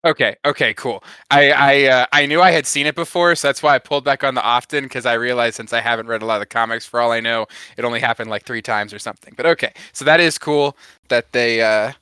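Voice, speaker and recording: A man's voice: medium pitch, steady tone, quick pace, sharp tone, clean tone, dry recording, clean studio sound. A man co-hosting a podcast, giving feedback in casual chat and often hedging and correcting himself agreeably.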